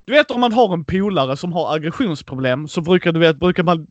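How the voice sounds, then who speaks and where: A man's voice: fairly high pitch, dry recording, muffled recording. A man hosting a casual podcast chat, animatedly retelling a tabletop game session and acting out the players' lines. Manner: animated storytelling, acts out players' lines, laughs a lot. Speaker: podcast host.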